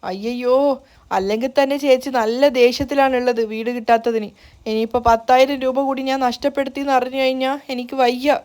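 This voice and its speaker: Woman reading a fretful middle-aged uncle, high voice, pleading. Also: fairly even intonation, a little fast, darkish tone, lightly acted. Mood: anxious. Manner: pleading, worried. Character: flustered middle-aged man, anxious uncle.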